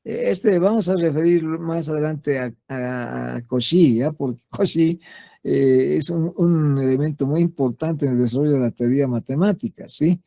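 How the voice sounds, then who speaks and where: A man gives a math lecture at a slightly high pitch, his voice soft and mellow rather than bright. He explains patiently, repeats key terms and keeps checking in with his listeners. The sound is dry and close, with no room echo. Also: normal speed, vocal fry. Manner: patient, repetitive, checks in with frequent "¿sí?". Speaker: math teacher. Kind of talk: classroom lecture.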